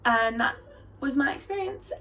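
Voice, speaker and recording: A woman's voice: expressive, moderate pace, gravelly, pushed and bright, soft background music. Chatty young woman, candid storytelling. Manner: chatty and candid, voice jumping up high for emphasis. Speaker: vlogger. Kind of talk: casual storytelling to camera.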